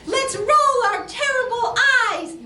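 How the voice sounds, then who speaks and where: A woman's voice: very high-pitched, animated, slow pace, sharp tone, full character voice. A woman voicing a cheerful, friendly little girl in a children's puppet show. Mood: playful, bossy. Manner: chirpy, friendly, childlike exclamations. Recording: roomy, distant mic with background noise.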